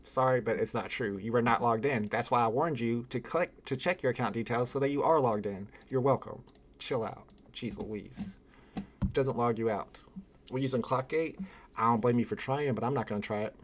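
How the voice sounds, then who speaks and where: A man's voice: mid-range voice, moderate pace, a little hiss or hum. A man hosting a casual live stream, reading viewer comments aloud, rambling and exasperated and laughing often. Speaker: livestream host.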